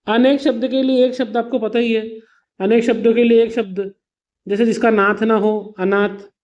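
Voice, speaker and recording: A man's voice: very high-pitched, flat delivery, normal speed, a little mellow, highs cut off. A man teaching an exam revision lesson to students. He explains patiently with simple examples, calls his students "beta" and slips English words into his explanations.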